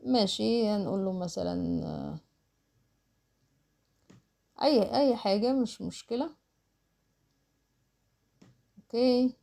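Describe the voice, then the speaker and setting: Speaking slowly with frequent pauses, a woman with a gravelly, dark, medium-pitched voice talks in an Egyptian Arabic accent. She's an online tutorial instructor walking through a casual screen tutorial step by step, explaining as she works and slipping in English terms.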